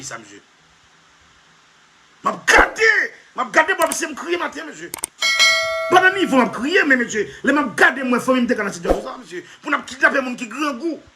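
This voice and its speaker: A man's voice: extremely high pitch, background noise. A man giving a comic monologue, emphatic and repetitive, often half-laughing as he talks. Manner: emphatic, repetitive, keeps addressing "monsieur". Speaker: comedy vlogger.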